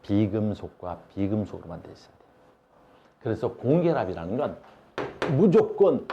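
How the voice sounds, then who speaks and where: A man's voice: on the low side, big pitch swings, moderate pace, highs cut off. A male science teacher giving a classroom lecture, blunt and slangy, asking his students questions all the time.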